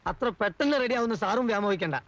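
An actor playing a cheeky house servant who teases and warns in a film comedy. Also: male voice, high voice, expressive, fast, fairly bright tone. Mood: sly. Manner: sly, teasing, full of warnings. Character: cheeky middle-aged man who works in the house. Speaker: film character. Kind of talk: 1980s film comedy acting. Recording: dull old film soundtrack.

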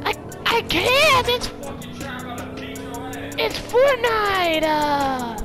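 A squeaky voice changer posing as a kid. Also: extremely slow, exaggerated voice. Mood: excited. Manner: excitable, yelling callouts during play. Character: squeaky young kid gamer claiming to be seven. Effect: pitch-raising voice changer. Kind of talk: online game voice chat. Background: loud game music.

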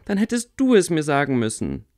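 A man reading aloud, voicing a stubborn, quick-tempered young witch girl in a raised voice. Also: wildly swooping pitch, darkish tone. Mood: indignant. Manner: pleading, raised pitch.

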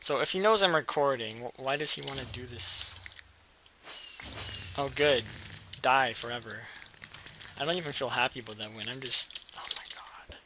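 Excitable young man with a bright voice. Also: medium pitch, a little fast, pauses often, a little hiss or hum. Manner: excitable, swings from muttering to yelling. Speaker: gaming video creator. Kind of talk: gameplay commentary. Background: keyboard and mouse clicks.

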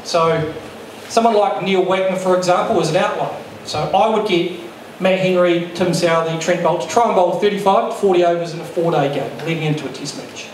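A middle-aged man presenting to a workshop as a fast bowling coach, candid and self-deprecating, speaking into a handheld microphone in a lecture room. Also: sits high. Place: large lecture room with projector. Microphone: handheld mic. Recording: echoey room, distant sound, faint noise.

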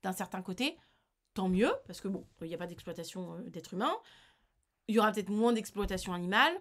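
A woman vlogger from France reading a news article aloud and reacting to it, indignant and animated, with frequent hesitations and restarts. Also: medium pitch, fairly quick. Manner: animated, indignant, reads then comments, frequent fillers and restarts.

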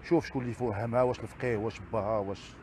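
A man with a Moroccan Arabic accent, answering interview questions as a father, halting and repeating the same phrases. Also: medium pitch, fairly even intonation, a little mellow, slight background noise. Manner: repetitive, halting, keeps circling back to set phrases. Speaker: interview guest, father seeking custody.

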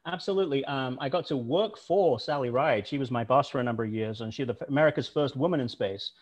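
Man, guest speaker, storytelling, video call, medium pitch. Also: fast talker. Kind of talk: storytelling talk.

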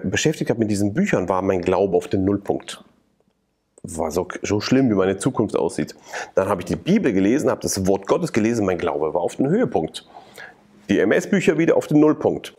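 Low husky German man testifying. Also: sing-song, normal speed, mellow. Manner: earnest preaching cadence with repeated phrases. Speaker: interview guest.

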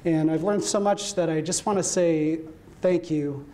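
A man, about in his forties, giving a heartfelt tribute speech at a conference, measured and slowing down to stress his words. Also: on the high side, steady tone, mellow. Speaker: speaker. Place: conference hall.

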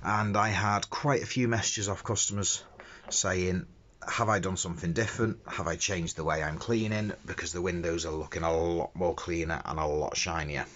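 Here a middle-aged man, working as a window cleaner, walks through a fitting in a relaxed, practical way while holding a phone in a small enclosed space. His low voice is slightly bright, with fairly even intonation and normal pacing. Background noise runs under the dull recording.

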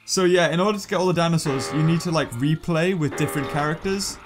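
A young British man giving casual gameplay commentary in a goofy, jokey, excitable way. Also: fairly high pitch, fast, music in the background. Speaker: gaming YouTuber.

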